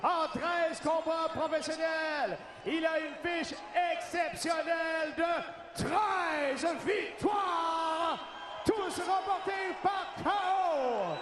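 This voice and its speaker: Shouting male boxing ring announcer, echoing arena. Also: extremely high pitch. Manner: theatrical projected delivery with drawn-out words and names. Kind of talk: bilingual ring introductions in French and English. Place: large indoor boxing arena. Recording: echoing arena PA, loud crowd. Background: cheering crowd.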